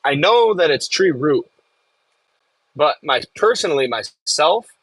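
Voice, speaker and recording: A Michigan man from the US Midwest hosts a casual livestream, rambling as he reads and replies to viewers' chat messages. His fairly high, fairly bright voice is very animated, slightly rough and a little slow, in a low-quality recording with no room sound.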